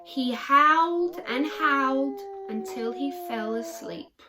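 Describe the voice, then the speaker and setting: A woman's voice: high voice, lively intonation, takes it slowly, over music. A woman storyteller reading a picture book aloud to children in a simple, child-directed way.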